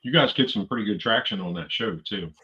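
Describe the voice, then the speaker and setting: A man's voice: on the low side, fast, bright, forceful tone, muffled recording. A man co-hosting a podcast, mostly giving short agreeing replies. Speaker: co-host.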